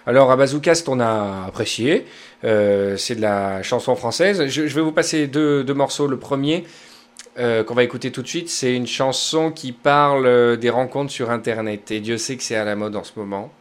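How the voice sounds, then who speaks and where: A man's voice: medium pitch, normal speed. A man in his thirties with a Southern French accent, hosting a podcast and telling rambling, digressive anecdotes in casual chat. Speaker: podcast host.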